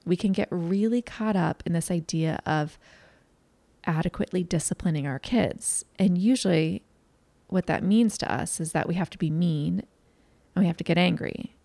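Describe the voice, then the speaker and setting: Gravelly-voiced woman giving parenting advice. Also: lowish voice, moderate pace, mellow, no echo. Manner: earnest, conversational, candid. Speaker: parenting educator. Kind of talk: talk to parents.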